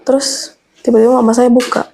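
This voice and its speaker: A woman's voice: on the high side, level tone, a little fast, vocal fry, dark tone, slight background noise. A young adult woman telling a personal horror story in an earnest, anxious way. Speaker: guest storyteller.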